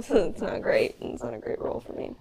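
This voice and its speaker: A woman's voice: normal speed, background noise. A woman playing in a tabletop game, earnest and protesting, sometimes dropping to a whisper. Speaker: player. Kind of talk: casual tabletop play.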